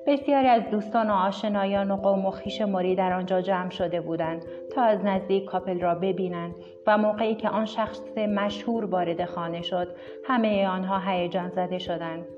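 A woman's voice: mid-range voice, steady tone. Woman narrating an audiobook over music. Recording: dull recording with music behind.

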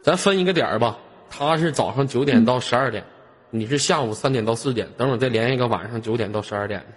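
A man with a thick Northeastern Chinese accent runs a live online voice chat. He teases and swears in brash slang, at a middling pitch. The recording is noisy, with clicks. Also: fast. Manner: brash, teasing, profane slangy talk. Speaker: host of an online voice-chat audition. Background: clear background noise and clicks.

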